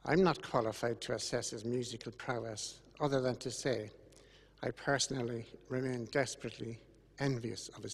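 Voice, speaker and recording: An older man with an Irish accent gives a funeral eulogy in a solemn, measured way, with grieving gratitude. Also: medium pitch, creaky, slightly rough. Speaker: eulogist speaking about his late brother. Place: large church, over a microphone to congregation and webcam. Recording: echoey church with long reverb.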